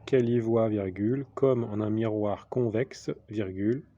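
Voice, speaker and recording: A man dictating a text as a teacher, deliberately, in short repeated phrases with the punctuation spoken aloud. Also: fairly low pitch, warm tone. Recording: dull lo-fi sound.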